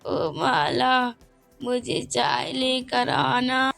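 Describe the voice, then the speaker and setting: A woman's voice: high voice, animated, extremely slow, vocal fry, soft background music, heavily acted. Woman doing a meek old mother-in-law. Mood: pleading. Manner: gentle, pleading.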